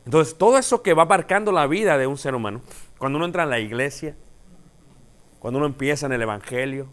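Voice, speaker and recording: A middle-aged man with a Latin American Spanish accent, preaching a sermon in a conversational way that rises and grows forceful when he makes a point. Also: medium pitch.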